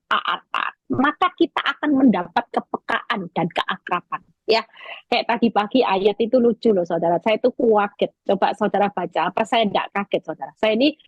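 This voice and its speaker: A woman evangelist preaching over a video call, telling stories in a lively way and speaking straight to her listeners. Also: medium pitch, breathy edge, dry recording, dull audio. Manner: lively storytelling, addresses listeners directly.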